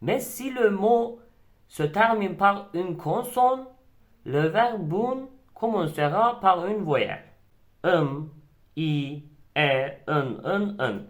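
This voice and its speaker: Slow, deliberate male language teacher. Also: high-pitched, expressive. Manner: slow, deliberate, repeats example words. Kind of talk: recorded language lesson.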